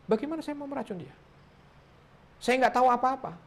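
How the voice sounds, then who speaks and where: A man's voice: very high voice, animated, brisk, pitched above the performer's own voice. A man voicing an innocent young man who earnestly protests in a raised voice. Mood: pleading.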